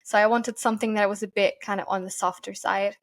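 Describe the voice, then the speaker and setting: A woman from Portugal, a yoga teacher giving earnest, thoughtful interview answers and often pausing to find her words. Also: mid-range voice, level tone. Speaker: podcast guest, yoga teacher.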